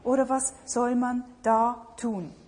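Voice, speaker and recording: A woman's voice: on the high side, steady tone, takes it slowly, darkish tone. A woman giving a talk on partnership and relationships, reflective and full of questions to her listeners. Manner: reflective, asks many questions. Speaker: speaker on marriage and relationships. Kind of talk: talk to an audience. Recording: long hall reverb.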